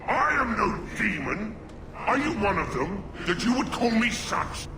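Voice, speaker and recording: A man's voice: high voice, sing-song, a little slow, full character voice. A man playing a vengeful, righteous spirit possessing a human in a video game, making menacing, thunderous declarations. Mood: vengeful fury. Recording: echoing, noisy game capture.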